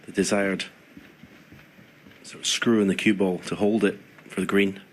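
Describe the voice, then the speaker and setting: A man working as snooker co-commentator, giving expert analysis in a hushed, conversational way. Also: low voice, fairly even intonation, normal speed, rough recording. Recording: faint background noise.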